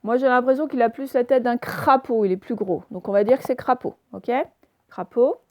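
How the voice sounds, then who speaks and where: A woman teacher recording a reading lesson for young children, stretching words slowly and sounding out each syllable. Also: on the high side, no echo, studio quality. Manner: slow, careful, stretched-out word pronunciation; pauses the recording to let pupils work. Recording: self-recorded home lesson.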